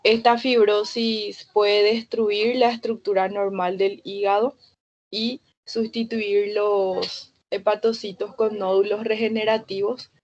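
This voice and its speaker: A woman delivers a medical lecture in a steady, methodical way, working through terms one after another. Her voice sits at an ordinary middle pitch. The recording is dull and slightly lo-fi. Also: slow pace.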